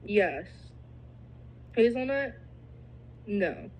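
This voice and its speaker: A woman's voice: mid-range voice, very animated, very slow, darkish tone, low-quality recording. A woman from Canada talking as a podcast guest, blunt, profane and playful. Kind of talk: casual chat.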